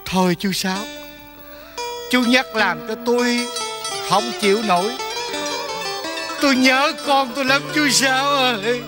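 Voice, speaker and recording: Tearful old father full of regret, very high voice, with instrumental music behind. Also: unhurried, pauses often. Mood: plaintive. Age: older. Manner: plaintive, tearful. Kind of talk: Vietnamese folk opera acting.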